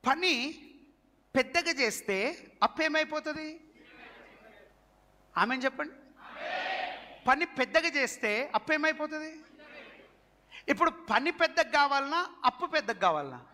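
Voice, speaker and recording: A male pastor with a Telangana accent preaching a sermon, animated and calling on the congregation to answer back. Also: extremely high pitch, big-room sound. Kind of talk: sermon with live demonstration.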